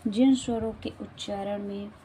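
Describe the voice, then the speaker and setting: A woman's voice: mid-range voice, fairly even intonation, normal speed, dark tone, a little hiss or hum. A woman teaching a grammar lesson, repeating herself and often checking that the class follows. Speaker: Hindi teacher.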